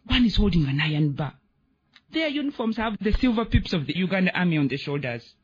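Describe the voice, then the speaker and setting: A man reading a dramatic story aloud on the radio, acting out the characters with an expressive, husky voice. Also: fairly quick. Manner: expressive, voices the characters with big pitch swings. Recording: muffled radio broadcast.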